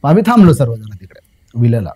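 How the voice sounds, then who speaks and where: A young man recounting something that happened to him in casual storytelling, repeating himself, filling pauses with "uh" and calling the host sir. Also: medium pitch, big pitch swings, dark tone, husky, poor audio. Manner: rambling, repeats phrases, fills pauses with "uh", addresses the host as sir. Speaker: guest recounting a personal experience.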